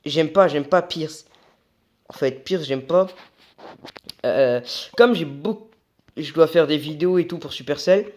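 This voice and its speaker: A man doing casual gameplay commentary as an excitable, raging gamer who swears. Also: fairly high pitch, unhurried, long pauses. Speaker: gaming video creator.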